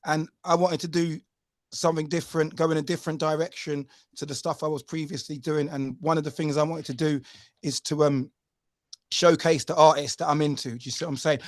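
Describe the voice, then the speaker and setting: Chatty podcast host, dry sound. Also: male voice, fairly high pitch, no room sound. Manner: chatty, filler-heavy, keeps asking "you know what I mean". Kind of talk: casual podcast interview.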